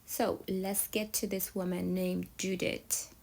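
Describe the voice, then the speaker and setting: Gravelly-voiced woman from Somalia telling stories. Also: on the low side, flat delivery, slow, noisy background. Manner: conversational, keeps checking in with "yeah?" and "right?". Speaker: storyteller. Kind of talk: casual storytelling monologue.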